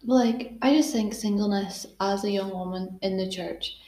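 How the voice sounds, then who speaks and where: A 20-year-old woman with a Northern Irish accent, co-hosting a casual podcast chat with lively, emphatic talk. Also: medium pitch, normal speed. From Northern Ireland. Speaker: podcast co-host. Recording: roomy echo.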